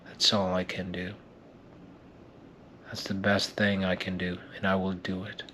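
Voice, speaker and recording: A man improvising a scene as a weary, determined man vowing to save himself, speaking quietly and intensely. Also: sits low, completely flat delivery, measured pace, slight background noise. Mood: resolute.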